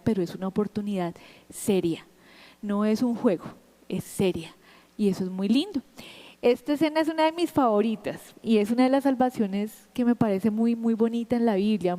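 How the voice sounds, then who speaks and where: A woman's voice: a little high, dark tone. A woman preaching a sermon to a women's group, retelling Bible scenes in a conversational, storytelling way with frequent asides to her listeners. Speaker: women's ministry speaker.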